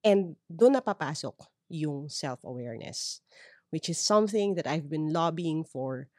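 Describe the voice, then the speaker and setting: A Filipino woman podcaster with a slightly low voice and a dry, close sound. She talks through advice conversationally, switching between two languages and explaining as she goes with little check-in tags. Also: expressive, moderate pace, a little mellow, no echo. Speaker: podcast host.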